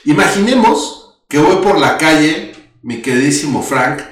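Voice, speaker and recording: Mexican male co-host, teasing rhetorical style; boomy room sound, mic at a distance. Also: lively intonation, a little slow. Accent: Mexican Spanish. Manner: provocative, joking, rhetorical questions. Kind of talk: casual chat. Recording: very roomy, far from mic.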